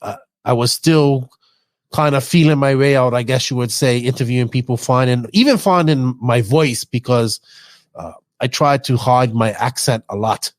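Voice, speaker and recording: A man's voice: mid-range voice, moderate pace, no room sound. Male podcast host, Bermudian accent, chatty and informal, unscripted delivery. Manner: talkative, informal, toned-down accent. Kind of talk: casual podcast talk.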